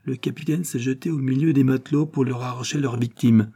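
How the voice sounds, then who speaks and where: A man's voice: medium pitch, steady tone, brisk, mellow, slightly rough. A man narrating a novel in the first person, in a tense, dramatic audiobook reading.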